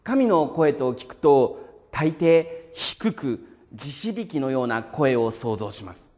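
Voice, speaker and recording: A man preaching a calm, measured sermon in a steady voice, sometimes dropping to a hushed whisper. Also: mid-range voice, in a large hall. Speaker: pastor.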